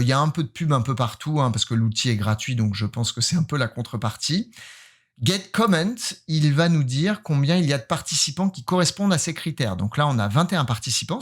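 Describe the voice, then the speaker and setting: Playful French-speaking man vlogging. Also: medium pitch. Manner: playful, self-mocking, hesitant with frequent fillers. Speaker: photographer running a giveaway. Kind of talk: casual vlog, joking.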